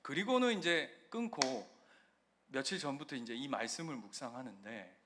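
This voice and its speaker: A male pastor preaching a sermon, moving between loud emphasis and quiet storytelling. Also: medium pitch, animated, moderate pace.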